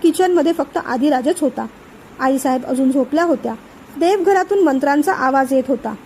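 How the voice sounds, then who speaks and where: A woman narrating a family story in a steady, even reading voice. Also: high-pitched, fairly quick, slight background noise, low-quality recording.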